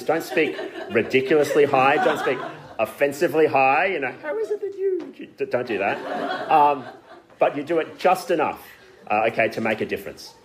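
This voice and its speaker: A man leading a workshop on public Bible reading, talking casually with frequent fillers to a group in a room. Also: medium pitch. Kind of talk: informal teaching to a group. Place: meeting room with an audience, also streamed online.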